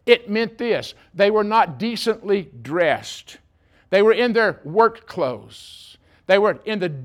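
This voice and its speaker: Brief: pastor, male, light high voice, folksy humorous sermon delivery. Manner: folksy and joking, speaking directly to the congregation.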